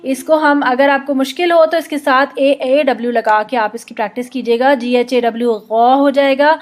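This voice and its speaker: A woman teaching Arabic letter sounds, explaining patiently and drawing out slow model pronunciations. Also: high-pitched. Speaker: Quran recitation teacher. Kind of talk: instructional explanation with slow demonstrations.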